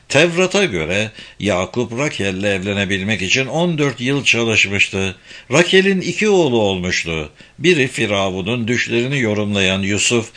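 A man reading a novel aloud in a measured, even storytelling manner. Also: medium pitch. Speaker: narrator. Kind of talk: audiobook narration.

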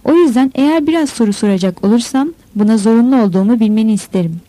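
A woman voicing a nervous, earnest man under forty who forces himself to sound gentle. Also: a little high, fast, dry recording, natural voice, poor audio.

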